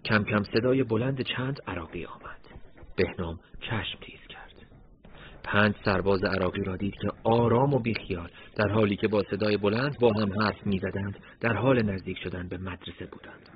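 A man narrating a war story in a scripted, dramatic reading style, voicing dialogue along the way. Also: fairly low pitch. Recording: dull lo-fi recording, faint noise.

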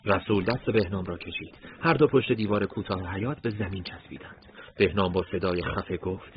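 A man narrating a war story in a scripted, dramatic reading style, voicing dialogue along the way. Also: low voice. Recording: dull lo-fi recording, faint noise.

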